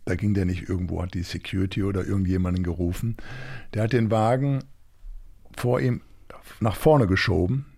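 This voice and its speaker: Gravelly low-voiced man telling anecdotes. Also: fairly even intonation, a little fast, darkish tone. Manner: rambling storyteller with many restarts. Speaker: podcast co-host, actor. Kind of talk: casual anecdotal chat.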